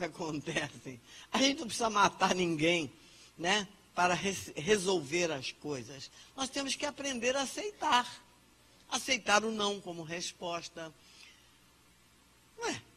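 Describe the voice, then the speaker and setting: Brazilian lady in her 60s giving a church talk, funny and animated, acts out little quotes, bright voice. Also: mid-range voice. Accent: Brazilian Portuguese. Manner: lively, humorous, acts out quoted speech. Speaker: guest speaker, psychologist. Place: church service.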